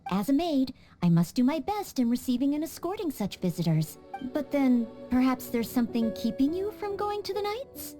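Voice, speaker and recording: Over soft game music, a woman voices an earnest, dutiful young maid training as a knight in a video game. Her high, sing-song voice moves at a moderate pace, polite, formal and eager to help.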